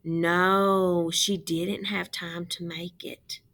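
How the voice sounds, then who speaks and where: Her voice on the low side, a woman reads a children's picture book aloud with expression and care, pausing to put questions to the kids.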